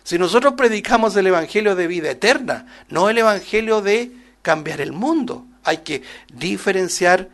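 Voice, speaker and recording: A man preaching a Bible-study sermon, rising loud on scripture quotes and dropping soft on asides, often calling listeners "brother" and asking rhetorical questions. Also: high voice, expressive, normal speed. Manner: addresses listeners as "hermano", many rhetorical questions.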